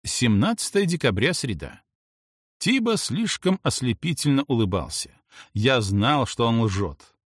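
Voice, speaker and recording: A young man narrates a novel in first person, swinging his pitch widely from line to line with ironic flair. The recording is close and completely dry, without room sound. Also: sing-song, a little slow, breathy edge, no room sound. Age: young adult. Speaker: audiobook narrator.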